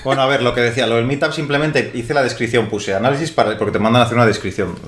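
A man's voice: medium pitch, racing, a bit bright, echoey room. A young man hosting a board game live stream, chatting loosely with many restarts and self-corrections, speaking into a desk microphone on a small studio set. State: sweating heavily. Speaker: host of board game channel. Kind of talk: casual live-stream chat.

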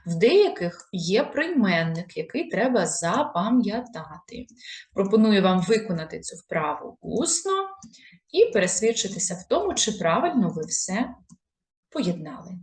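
Female language tutor, mid-pitched voice, clear explanatory teaching delivery, recorded in a roomy space. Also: sing-song, unhurried. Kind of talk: online grammar lesson.

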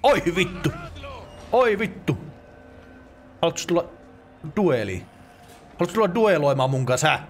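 A man from Finland, his voice on the high side, offers casual let's play commentary marked by long pauses. He gets excitable, swears, and yelps and laughs at the game.

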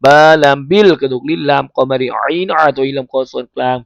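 A man with a Thai accent teaching Quran recitation, chanting letters slowly in a melody and explaining pronunciation in a lesson. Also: mid-range voice, creaky, dry recording. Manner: slow melodic spelling chant, then brisk explanation. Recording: dull lo-fi sound.

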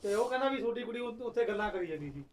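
A man's voice: high-pitched, animated, racing. A middle-aged man playing a father who coaxes and consoles his daughter. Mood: consoling. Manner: coaxing and consoling. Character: soothing village father, gruff then tender. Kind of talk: Punjabi short film acting.

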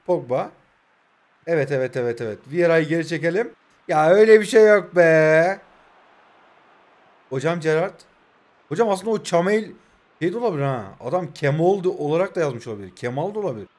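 A man in his twenties from Turkey talks over his own football match, joking and teasing as he plays. His voice sits high for a man, and he swings between muttering to himself and excited outbursts to viewers. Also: brisk, pauses often. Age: 20s. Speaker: gaming YouTuber. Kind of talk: live gameplay commentary.

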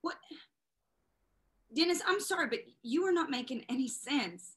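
A woman reading the part of a hurried, puzzled young woman student in a play reading. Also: high-pitched, animated, fairly bright tone. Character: distracted young woman art student, twenty.

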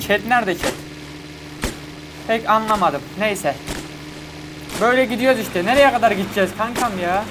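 A man giving chatty, excitable let's-play commentary to his viewers. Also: high-pitched. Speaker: gaming YouTuber. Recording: game audio and vehicle noise behind.

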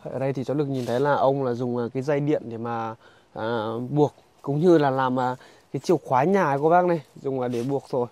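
A young man, narrating a casual outdoor vlog in a halting, conversational way and speaking directly to viewers. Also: mid-range voice, fairly even intonation, a little mellow. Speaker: vlogger. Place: outdoors in a highland village.

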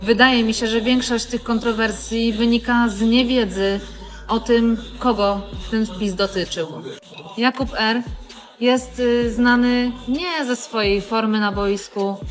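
A woman in her thirties making an indignant, emphatic statement into a phone at arm's length in a restaurant. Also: a little high. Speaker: social media commentator. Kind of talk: direct-to-camera statement. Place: indoors, restaurant.

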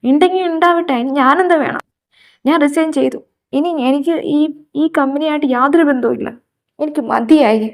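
A woman's voice: high-pitched, a little fast. A woman voicing a stubborn young office worker who plays down her troubles to her father in a fan audio drama. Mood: annoyed.

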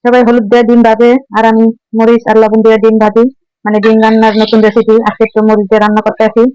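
A woman's voice: fairly high pitch, completely flat delivery, quick pace, a little mellow, clean tone, no echo, poor audio. A woman from Barishal with a Barishal Bangla accent mixed with Dhaka speech, chatting casually as she cooks and reminisces. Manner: chatty, reminiscing while cooking. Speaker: home cooking vlogger. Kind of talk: casual cooking narration.

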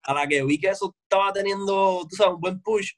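A man's voice: sits high, a little fast. Slangy young man telling his story. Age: 20s. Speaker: guest. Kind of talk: casual interview chat. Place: home music studio.

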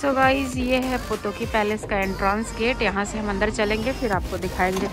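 A woman's voice: medium pitch, moderate pace. A young woman from India, chatting casually as she shows places to her phone camera in a travel vlog. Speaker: vlogger. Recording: loud background music.

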